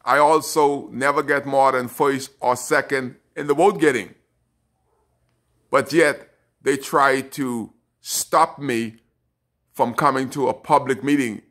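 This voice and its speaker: A man's voice: mid-range voice, fairly even intonation, a bit bright. An older Bahamian man in his late fifties, a local elected official, speaking emphatically and indignantly into a phone held close. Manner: indignant and emphatic, slow and deliberate. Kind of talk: direct-to-camera social media message. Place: bright indoor room. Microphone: phone held close, selfie framing.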